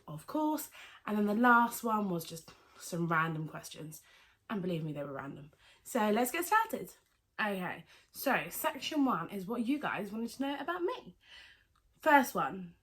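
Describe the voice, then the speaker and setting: A chatty young woman talking straight to her viewers, in her twenties. She rambles through her answers, correcting herself and filling pauses as she goes. Her pitch sits right in the middle for a woman. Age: 20s. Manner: chatty, rambling, with many fillers and self-corrections. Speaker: vlogger. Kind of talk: casual Q&A vlog.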